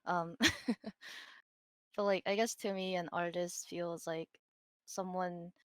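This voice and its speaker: A woman's voice: fairly low pitch, steady tone, takes it slowly, no echo. A woman guest on a podcast, speaking hesitantly and self-doubtingly, with frequent "like"s and small laughs. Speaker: guest, digital artist. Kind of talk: casual interview chat.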